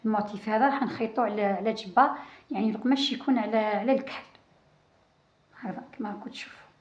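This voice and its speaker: A woman with an Algerian Arabic accent explains crochet steps as she works, often restarting a phrase or counting aloud. She talks quickly and casually. The recording sounds roomy and a little dull. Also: medium pitch. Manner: talks while working, many restarts and counting. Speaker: crochet channel host.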